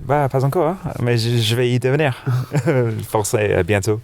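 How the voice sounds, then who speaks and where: A man from England with an English accent tinged with American, speaking as an interview guest in a relaxed, hesitant way with many fillers. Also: mid-range voice, moderate pace, creaky. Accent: English with a slight American touch, speaking French. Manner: hesitant, many "euh" fillers, laughs easily. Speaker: interview guest, snowboard shop buyer. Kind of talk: casual interview chat. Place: sofa in a dark exhibition hall.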